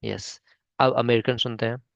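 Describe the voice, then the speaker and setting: A man's voice: medium pitch, flat delivery, normal speed, gravelly, fairly bright tone, no room sound. A man with an Indian accent teaches English in a patient, repetitive way, stopping often to check that his students follow. The sound is dry and close, and a little dull, like a simple home recording. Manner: patient, repeats "ठीक है?" often, spells words syllable by syllable. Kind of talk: online spoken English lesson in Hindi.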